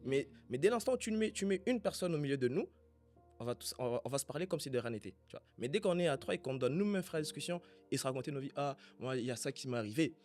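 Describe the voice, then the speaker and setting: Reflective man from Congo, halting. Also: medium pitch, animated, a little mellow, faint music behind. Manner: reflective, halting, self-searching. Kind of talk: casual faith conversation.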